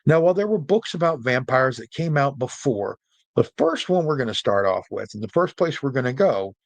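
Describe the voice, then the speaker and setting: With a mid-range, gravelly, sing-song voice and no echo, a storytelling host talks fairly quickly. His casual explainer monologue is chatty, wandering into joking tangents.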